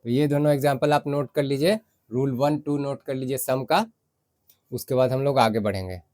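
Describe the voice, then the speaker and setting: A man with an Indian accent teaching English grammar in Hindi, explaining step by step and reading English example sentences slowly. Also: medium pitch, darkish tone.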